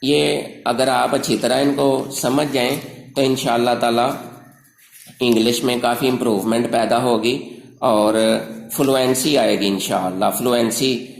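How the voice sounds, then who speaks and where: A man teaching English rhyming words, reading word lists slowly and drawing out each word. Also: medium pitch, steady tone, gravelly, roomy sound, rough recording. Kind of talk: slow recorded grammar lecture.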